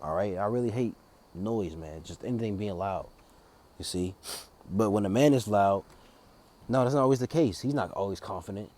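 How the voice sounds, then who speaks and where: A man with a low, mellow voice reads Bible verses in a slow, solemn cadence. Between passages he slips into loose, drawling commentary, stumbling over and repeating words as he talks. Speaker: street preacher. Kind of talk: Bible reading with casual commentary.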